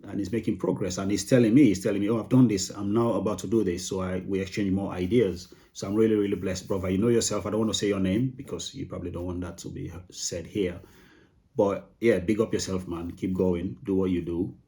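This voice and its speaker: A YouTube host of a property channel, this man has a Sierra Leonean accent and a low, warm voice with fairly even intonation, speaking fairly quickly. He chats casually to camera, addressing viewers in an informal, rambling way with repeated phrases.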